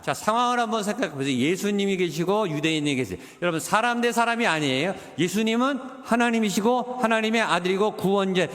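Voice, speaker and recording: A man delivers a sermon in a fairly high voice. He presses hard on the key points, then sinks to quiet, drawn-out phrases. The sound rings with a long reverb, as in a hall. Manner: preaching with emphatic rises and quiet, slowed drops. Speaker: pastor.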